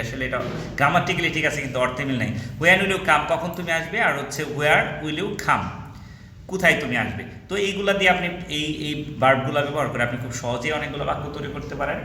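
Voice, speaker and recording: A man with a fairly high, bright voice teaches a spoken English lesson. He drills paired questions slowly and repeats each one. The recording sounds like a roomy space with a long reverb tail. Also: a little hiss or hum. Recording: echoey room with long reverb.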